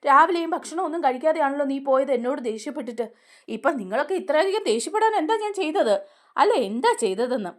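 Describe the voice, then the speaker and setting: A woman's voice: high-pitched, expressive, fast, pitched above the performer's own voice. A woman voicing a stubborn middle-aged mother who talks in an indignant, defensive, bitter way. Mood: dismissive.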